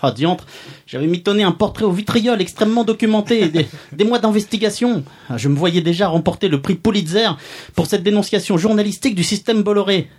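A man's voice: sits high, brisk. A man playing a pompous, sardonic podcast columnist who roasts the guest and chuckles at his own jokes. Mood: smug, mocking. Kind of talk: comic podcast chronicle.

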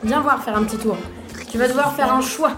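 A woman playing a teasing, mysterious bar keeper in an interactive audio drama, coaxing and deliberate. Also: sits high, music in the background, lightly acted.

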